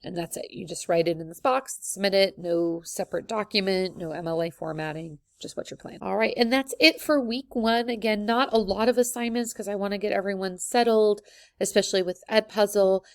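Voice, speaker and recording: A woman's voice: mid-range voice, fairly quick, no room sound, clean studio sound. A woman teaching a college course, talking through the week's assignments in a casual, friendly way with plenty of ums. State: has the hiccups. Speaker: college instructor. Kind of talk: recorded course walkthrough.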